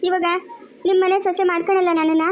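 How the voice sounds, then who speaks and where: A woman's voice: very high-pitched, level tone, fast talker, slight background noise. A woman playing a shy young deaf village girl about to be married, with a Chikkaballapur Kannada accent. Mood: worried. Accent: Kannada of the Chikkaballapur region.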